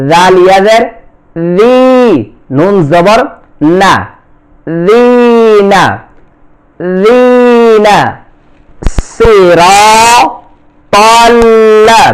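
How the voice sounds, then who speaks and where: A man with a Bangladeshi accent teaching Quran reading, spelling out each letter and vowel and then repeating the syllables in a slow recitation lesson. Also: sits high, smooth.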